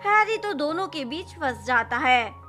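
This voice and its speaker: A woman retells a drama plot in a brisk, plain storytelling style, mixing English words into Hindi. Her voice sits high. It sounds crisp and bright. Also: big pitch swings, soft background music. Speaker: drama recap narrator. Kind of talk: scripted storytelling narration.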